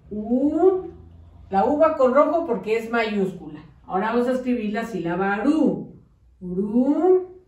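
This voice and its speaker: A woman teaching a slow early-literacy lesson, drawing out syllables and coaxing children to follow along. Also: on the high side. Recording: echoey room, mic at a distance.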